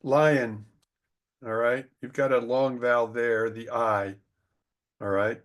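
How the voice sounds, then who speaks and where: A man's voice: mid-range voice, fairly even intonation, unhurried, smooth. A man teaching an online English class, patiently explaining vowel sounds and pronunciation rules over a video call.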